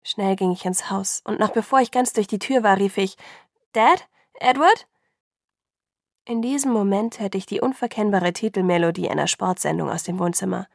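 A woman reads a first-person novel aloud as an audiobook, keeping her delivery soft and subdued. Her voice has a steady gravelly fry. The recording is close and completely dry. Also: medium pitch, fairly quick, few pauses, no room sound. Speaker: audiobook narrator.

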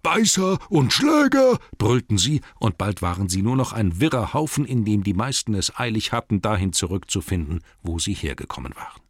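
A man narrating a storybook in a measured, dramatic reading, slowing down for emphasis. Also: deep voice, lively intonation, slightly rough, no room sound, clean studio sound. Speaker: audiobook narrator.

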